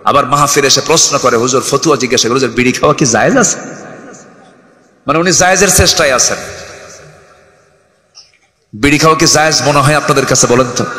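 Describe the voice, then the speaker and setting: A man preaching to a crowd, animated, pushing listeners to answer louder and shouting at the peaks, over a public address microphone. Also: medium pitch, brisk, pauses often. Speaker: Islamic preacher. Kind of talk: fiery sermon to a crowd. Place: open religious gathering. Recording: echoey with long reverb.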